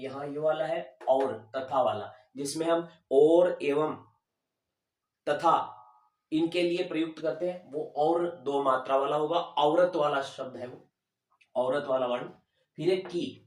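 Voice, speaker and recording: A man teaching in a patient, classroom style, sounding out syllables slowly and repeating them for his students. His voice sits a little high. He is recorded from some distance in an echoey room. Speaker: Hindi teacher. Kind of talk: classroom-style lesson explanation. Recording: echoey room, voice a bit far from the mic.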